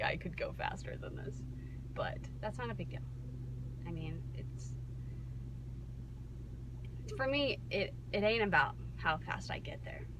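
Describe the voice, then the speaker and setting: Driving along, a Kansas vlogger tells a rambling, casual story to the camera in a lowish voice. She's wry, cutting herself off and acting out snippets of dialogue, over the steady noise of the car interior.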